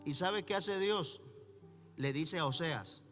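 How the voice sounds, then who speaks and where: A man's voice: on the high side, slow, sharp tone. A man preaching a sermon as pastor, emphatic, calling church members by name. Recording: reverberant hall with faint music.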